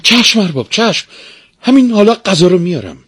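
A man's voice: slightly rough, dry recording, exaggerated voice. A man doing a sly young servant girl. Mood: eager. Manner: shrill, excited cries and hushed warnings. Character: clever scheming young female servant.

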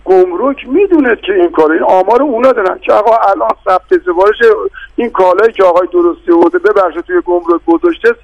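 A middle-aged man speaks insistently but courteously as a radio guest defending shopkeepers. His voice sits high and has a gravelly fry. The sound is dry and close. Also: no echo, dull audio. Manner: insistent, polite, repeatedly addresses the host. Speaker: bazaar guild representative, radio guest. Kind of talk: phone-in radio debate.

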